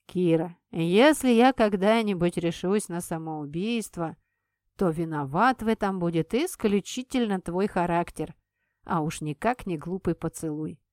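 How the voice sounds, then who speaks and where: A wry grown man, a police officer who teases with slow, lowered words, voiced by a woman reading the book. His lines come out softer and more drawn out than the narration. The recording is dry and close to the mic. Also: dry recording, natural voice. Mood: dry, teasing. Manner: lowered, quieter, drawn-out delivery. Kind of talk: audiobook character voicing.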